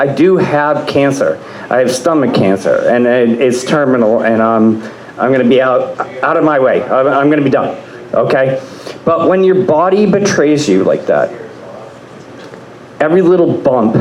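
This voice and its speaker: A man's voice: mid-range voice, darkish tone, slight background noise. A man doing a stand-up comedy set on a club stage, rambling and crude, often laughing at his own jokes. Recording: echoey club room.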